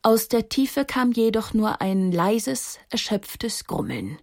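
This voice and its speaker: A woman narrating a children's story in a calm, measured storytelling voice. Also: a little high, no room sound, studio quality. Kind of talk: storytelling read aloud.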